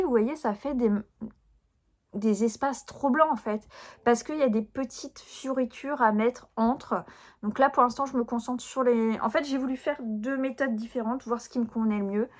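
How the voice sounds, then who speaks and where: Young woman, casual crafting vlog host, rambling and friendly, lots of fillers. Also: medium pitch. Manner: chatty, many fillers and restarts, speaks directly to viewers. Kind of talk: casual chat showing her cross-stitch projects.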